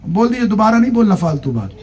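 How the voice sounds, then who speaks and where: A man's voice: sits high, very animated, fast, darkish tone, slight background noise. A man preaching at a church convention, telling a humorous personal story, acting out the dialogue and urging the congregation to clap. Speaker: pastor. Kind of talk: sermon.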